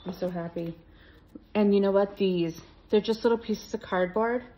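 A middle-aged woman from Minnesota unboxing craft mail, gushing and excitable with lots of gasps. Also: mid-range voice, normal speed, lo-fi sound. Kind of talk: casual unboxing vlog.

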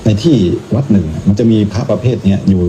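A man's voice: lowish voice, fast talker, over music, low-quality recording. A man who is a Buddhist monk, talking in a casual, teasing, joking way. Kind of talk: casual mocking commentary. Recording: clear background noise.

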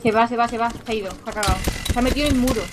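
Woman, gaming voice chat, terse callouts, higher pitch, loud game gunfire behind. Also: fairly even intonation, rapid-fire, noisy background. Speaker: teammate.

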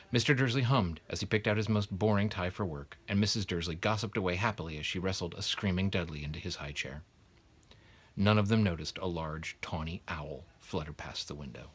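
A man in his thirties, a guest reader, narrates a children's novel aloud while sitting in bed in a small indoor bedroom. His voice sits low, with a fairly bright tone and a breathy edge.

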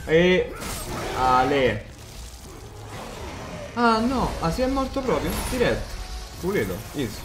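A man giving casual, excitable gameplay commentary, swearing and talking to his viewers. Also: on the high side, slow, long pauses. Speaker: video game player commentating. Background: game music.

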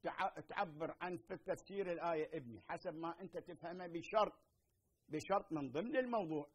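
Iraqi man, middle-aged, patient TV teacher, high pitched, repeats and checks understanding. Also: a little hiss or hum, rough recording. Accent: Iraqi Arabic. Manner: explains slowly, repeats points, checks understanding. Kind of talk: televised lesson with phone-in questions.

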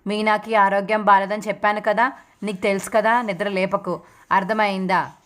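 A woman's voice: medium pitch, little pitch movement, moderate pace, natural voice. A woman voicing a stern, fair-minded older father who firmly rebukes his wife, in a serial recap read. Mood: reproachful. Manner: firm, reproachful.

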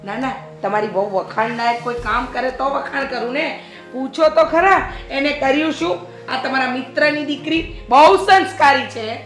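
A woman's voice: high voice, moderate pace, fairly bright tone, faint music behind. A woman with a Gujarati accent playing a scheming older mother-in-law who scolds and grumbles, in a short drama. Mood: complaining.

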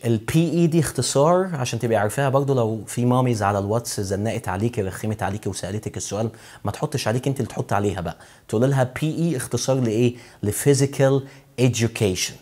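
A young man with an Egyptian Arabic accent giving a chatty English lesson and repeating words slowly to show how they are pronounced. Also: medium pitch, a little mellow. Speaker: English teacher. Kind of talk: casual explanatory lesson.

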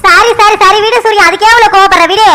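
A woman voicing a patient middle-aged mother who calms her son in a village family cartoon. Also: very high voice, fast talker. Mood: soothing. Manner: patient, reassuring, repeats "sit, wait". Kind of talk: animated cartoon serial voice.

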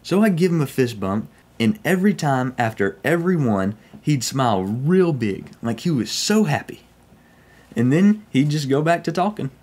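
Here a young Oklahoma man with a Southern US accent speaks at a moderate pace in a husky, darkish, medium-pitched voice with a sing-song quality. As a railfan vlogger, he relaxes into folksy personal train stories inside a small room at his home in Oklahoma, United States.

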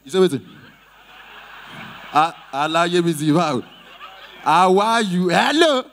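Nigerian Pidgin-accented male comedian, highish voice, live crowd-work banter, teasing. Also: lively intonation, takes it slowly, a bit bright, a little hiss or hum. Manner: playful, teasing banter with audience. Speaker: comedian host at an event.

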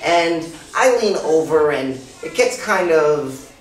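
A man telling a story about himself in a lively, self-deprecating way. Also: on the high side, takes it slowly, recorded from a distance. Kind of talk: personal testimony. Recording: echoey room, away from mic.

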